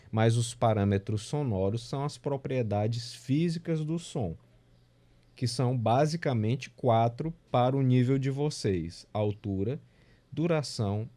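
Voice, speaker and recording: The Brazilian teacher speaks with a dark tone and medium pitch in a remote music theory lecture captured from the online class. Patient in his explanations, he counts the beats aloud and often ends lines with tag questions.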